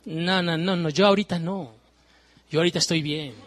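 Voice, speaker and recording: A man voicing a carefree worldly young man who brushes off God, with a dismissive, quieter manner. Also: steady tone, fairly quick, lightly acted. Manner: dismissive, quieter and lower than the preacher.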